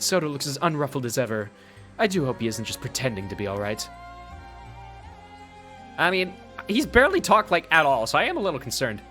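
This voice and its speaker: A man's voice: mid-range voice, bright, forceful tone. A man streaming a game, giving casual commentary in a chatty manner, laughing often and swearing casually.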